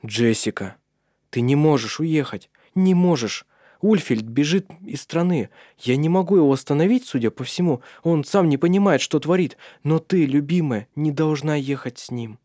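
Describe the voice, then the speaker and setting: A man's voice: a little high, animated, normal speed, mellow, dry recording, studio quality, pitched above the performer's own voice, close to an everyday voice. A man voicing an earnest, protective young nobleman in love in an audiobook. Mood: urgent.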